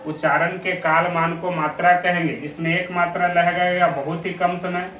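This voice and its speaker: A man's voice: high voice, flat delivery, normal speed, a little hiss or hum. A male teacher with a Bihari Hindi accent explaining a lesson, repeating definitions and drawing out sounds. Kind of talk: classroom lesson. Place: classroom. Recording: echoey room, distant tinny phone-like mic.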